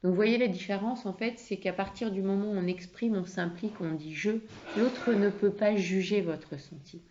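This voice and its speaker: A woman's voice: medium pitch, moderate pace, darkish tone, highs cut off, a little hiss or hum. A woman coaching on emotions, talking in a conversational way with many fillers and restarts. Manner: conversational, with frequent fillers and repeated words. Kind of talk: explanatory lesson.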